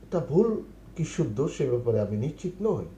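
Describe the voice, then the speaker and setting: A middle-aged man with a Bangladeshi accent, teaching spoken English by reading phrases slowly and translating each one. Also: medium pitch, sing-song, warm tone. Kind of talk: numbered spoken English lesson. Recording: echoey room with faint noise.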